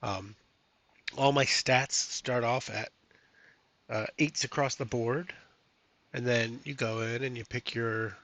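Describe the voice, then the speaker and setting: A man's voice: medium pitch, fairly even intonation, takes it slowly, long pauses, fairly bright tone, no room sound. A man streaming a solo tabletop game, reading rules and chatting casually to viewers, thinking aloud with many fillers. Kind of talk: casual live-stream chat.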